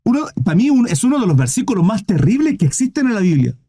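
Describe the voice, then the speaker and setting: A man's voice: high-pitched, big pitch swings, quick pace, mellow, husky. A man preaching in a livestreamed Bible study, emphatic, with many rhetorical questions, and he keeps calling his listeners "brother".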